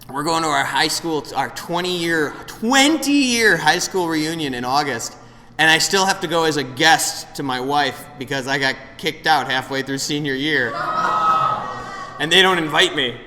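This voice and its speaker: Late-30s man, bright forceful tone, rambling self-deprecating share, echoing meeting hall. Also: fairly high pitch, expressive, unhurried. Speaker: speaker sharing at a recovery meeting. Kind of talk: candid personal share. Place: meeting room with an audience. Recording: roomy hall, faint background noise.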